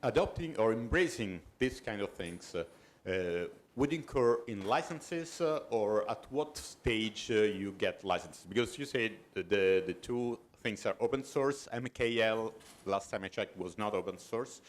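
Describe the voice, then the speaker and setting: A man in the audience asking a long question, pausing often with hesitant fillers. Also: on the low side, expressive. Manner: hesitant, many "uh" pauses.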